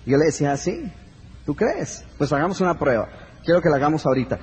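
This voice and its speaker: A man's voice: fairly high pitch, big pitch swings, fast talker, darkish tone, slight background noise. A man giving a live motivational talk to an audience in a large event hall, emphatic and repetitive, speaking straight to the crowd.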